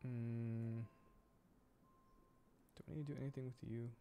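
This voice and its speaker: Thinking aloud as he plays, a man streaming games as a VTuber keeps up casual, muttered chatter. His mid-range voice holds a steady tone at a measured pace, over a noisy background.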